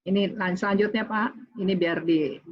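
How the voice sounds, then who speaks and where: A woman's voice: medium pitch, moderate pace. A middle-aged woman giving an online lecture on public speaking, talking straight to her listeners, with many fillers and restarts. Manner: many fillers and restarts, addresses audience directly. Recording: slightly dull lo-fi audio.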